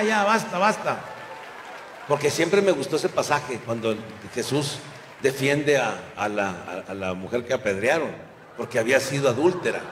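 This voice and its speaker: A man with a Mexican accent doing a stand-up comedy routine, telling a crude, animated story full of slang and swearing. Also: on the high side, slight background noise. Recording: echoey hall with live ambience.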